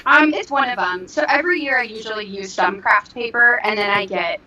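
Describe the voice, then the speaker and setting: Speaking a little fast in a voice on the high side, this woman, a crafter, co-hosts a livestream with easygoing chatter and soft laughs. Crowd noise is audible, and the remote call audio is echoey and dull, an echo viewers pointed out.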